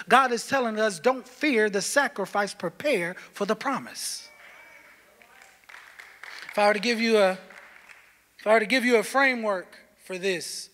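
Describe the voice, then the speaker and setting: A man preaching a sermon as pastor, impassioned and shifting between shouts and low tones, repeating words for emphasis. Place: church sanctuary. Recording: long hall reverb.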